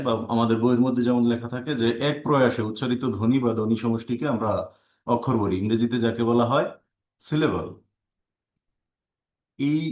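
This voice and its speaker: A man of middle pitch giving a grammar lesson to exam students. He talks in a slow, step-by-step way and breaks words into single sounds, pausing between each one. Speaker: teacher.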